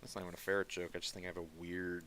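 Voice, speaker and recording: Chatting casually with viewers while drawing on stream, this artist rambles through quick asides and mutters. His low-pitched nasal voice sounds sarcastic by default, with little pitch movement and a slightly bright tone, against slight background noise.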